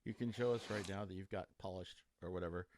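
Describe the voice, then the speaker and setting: A man's voice: low voice, fairly even intonation, quick pace, darkish tone, slight background noise. A man hosting an interview, asking long, loose questions full of restarts. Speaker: interviewer host. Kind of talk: casual interview.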